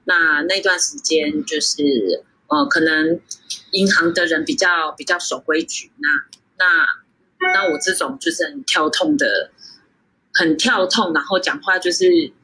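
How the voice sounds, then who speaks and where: 一位三十多岁、在台湾长大的女侍酒师，通过远程连线接受访谈，说话随意，常笑，停顿和语气词很多。. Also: female voice, sits low, a little slow, pushed and bright, husky, rough recording. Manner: chatty, laughs often, many fillers. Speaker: guest sommelier. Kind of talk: casual interview over a remote call. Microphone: video call.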